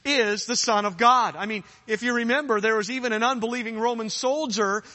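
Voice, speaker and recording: A man's voice: extremely high pitch, fairly quick, bright, forceful tone. A man preaching a sermon, urgent and rising to fervent challenges at times. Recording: long hall reverb.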